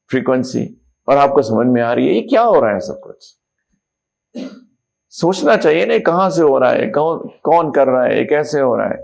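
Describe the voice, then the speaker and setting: A man's voice: mid-range voice, gravelly, darkish tone. A middle-aged man, an Islamic scholar, giving a motivational talk to young people, asking rhetorical questions and reciting verses. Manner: rhetorical questions, mixes English words, recites Quranic verses. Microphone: speaker system to a live audience.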